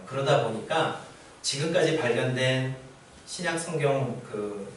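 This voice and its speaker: A man's voice: mid-range voice, slight background noise. Echoey, distant male pastor preaching. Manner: conversational preaching with rhetorical questions. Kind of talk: sermon. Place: church sanctuary. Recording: very echoey church hall from far off.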